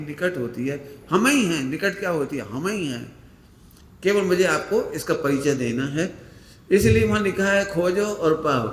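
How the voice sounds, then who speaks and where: A man delivers a sermon in a high voice, drawing his words out at an unhurried, deliberate pace. He stresses key words by repeating them and puts questions to his listeners. His voice rings out with the long reverb of a large hall. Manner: emphatic, repeats key words slowly, asks the audience questions. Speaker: Jain preacher. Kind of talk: sermon to a live audience. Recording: echoey hall.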